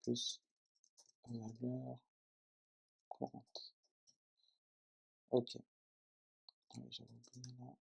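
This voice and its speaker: A man's voice: mid-range voice, monotone, drawn-out words, gravelly, pauses often, husky. A man teaching a coding lesson in French as he types, explaining each step and often checking in with the viewer. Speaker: programming tutor. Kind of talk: screen-recorded coding tutorial.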